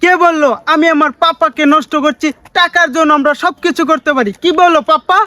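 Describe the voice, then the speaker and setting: A man's voice: extremely high pitch, steady tone, fairly quick, pushed and bright, dry recording. A man playing a bratty, cheeky, money-hungry son in a comedy sketch, pert and scolding.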